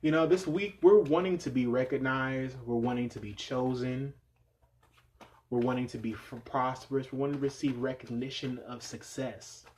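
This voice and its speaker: A man giving a weekly tarot reading in a meditative way, repeating phrases and sometimes dropping to a low, quiet voice. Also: steady tone, moderate pace, a little hiss or hum. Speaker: tarot reader.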